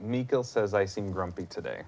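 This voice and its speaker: A man co-hosting a live stream, joking around in a deadpan way. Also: on the low side, brisk, gravelly. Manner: joking, deadpan, drops pirate talk. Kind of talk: casual live stream chat.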